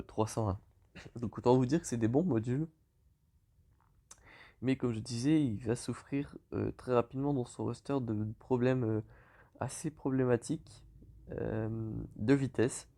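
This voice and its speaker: Commenting casually on a game shown on his screen, a gaming YouTuber with a French accent speaks in a mid-range voice that is dark, mellow, and a little gravelly. He is easygoing yet hesitant, frequently stopping to correct himself.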